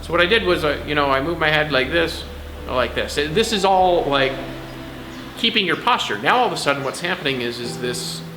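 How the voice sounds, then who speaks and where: A man giving casual meditation instruction to camera in a rambling, conversational way, often tagging phrases with "right?" and "like". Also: a little high. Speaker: meditation teacher. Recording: echoey room with music behind. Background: background music.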